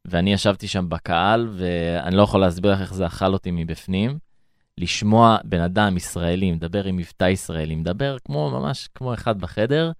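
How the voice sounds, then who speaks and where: A young man with an Israeli accent, a former emissary abroad, reflects earnestly on his experiences as a guest in a conversational interview. His voice is low, clear and resonant. The recording is clean studio sound with no echo.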